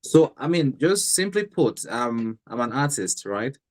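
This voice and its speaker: A young man from Cameroon, a guest artist on a video call, talking in a relaxed, hesitant way with many fillers. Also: mid-range voice, measured pace. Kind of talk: casual interview on a video call.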